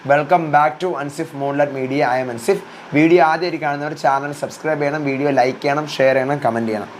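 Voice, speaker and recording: A man's voice: a little high, steady tone, slight background noise. A young man recapping a reality show episode in casual, chatty speech, retelling what the housemates said. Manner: rapid chatty retelling, voicing housemates' quotes. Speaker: reality show reviewer, channel host.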